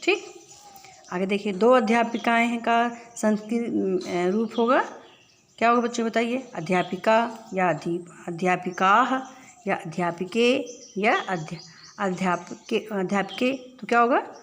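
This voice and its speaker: A woman's voice: fairly high pitch, measured pace, a little hiss or hum. A woman teaching a children's lesson, patiently asking the children questions and then answering them herself. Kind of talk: classroom lesson explanation.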